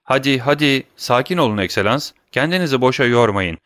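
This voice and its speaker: A man voicing a calm, curt bandit chief in an audiobook. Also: medium pitch, no echo, studio quality, voice pushed up, lightly acted. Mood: cool. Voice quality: cool, unhurried, curt.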